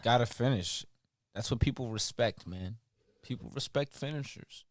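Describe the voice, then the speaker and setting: A man's voice: mid-range voice, normal speed, no echo, clean studio sound. A man chatting as a podcast guest, easygoing and encouraging, with slangy speech. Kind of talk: casual chat.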